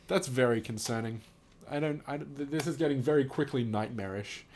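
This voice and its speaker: Reading a story casually at a brisk clip, this man has a mid-range, darkish voice, with slight background noise behind him. He laughs through the reading, giggly and incredulous, frequently swearing as he comments on it.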